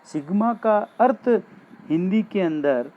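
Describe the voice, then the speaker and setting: A man's voice: high-pitched, lively intonation, warm tone. A male maths teacher giving a classroom lesson, talking straight to his students and explaining each step. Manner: addresses students directly, slow and explanatory. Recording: dull lo-fi sound with faint background noise.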